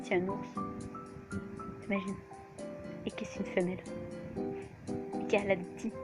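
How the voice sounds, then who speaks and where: Giggly woman reading a story game. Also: fairly high pitch. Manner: giggly, chatty asides, laughs often. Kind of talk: reading aloud with playful asides. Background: music.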